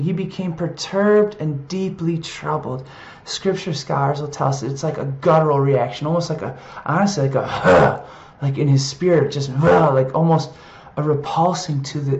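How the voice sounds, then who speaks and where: A preacher giving an earnest, heartfelt scripture reflection and reading Bible passages aloud with quiet emphasis. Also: medium pitch, reverberant, highs cut off. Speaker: preacher in an online video series.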